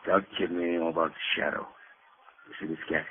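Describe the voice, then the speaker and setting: A cocky, sneering gangster, talking blunt street slang in a lowish voice. The sound is a tinny 1930s AM radio broadcast with a faint hiss underneath, like an old crime radio play. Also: male voice, level tone, fast talker. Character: tough, cocky male gangster.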